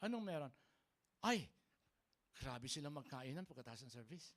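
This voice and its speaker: Mixing Tagalog and English, a pastor from the Philippines delivers a lively sermon at a church service in a medium-pitched voice, speaking fast. He repeatedly asks the congregation to agree.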